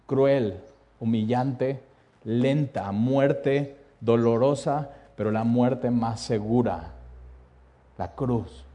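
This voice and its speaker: Dramatic preacher, mellow voice. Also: male voice, mid-range voice, extremely slow. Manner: dramatic storytelling that swings from hushed to loud, with repeated lists. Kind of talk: sermon.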